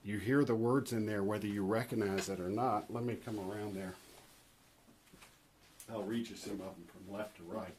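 Earnest low-voiced man explaining recordings. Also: fairly even intonation, moderate pace, slight background noise. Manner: awed, earnest, quotes heard voices softly. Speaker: paranormal recording investigator. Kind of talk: earnest explanatory monologue with scripture reading.

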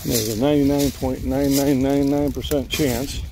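An older man walking through woods, rambling in a relaxed way to a phone at arm's length. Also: medium pitch, normal speed, background noise. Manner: rambling, relaxed, thinking aloud while hiking. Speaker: vlogger. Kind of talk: casual walking vlog. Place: outdoors in woods. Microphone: phone held at arm's length while walking.

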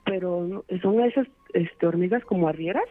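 A man's voice: high-pitched, normal speed. Caller: man, rambling storyteller, heard through a tinny phone line. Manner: rambling, many "este" fillers. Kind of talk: telling a true scary story.

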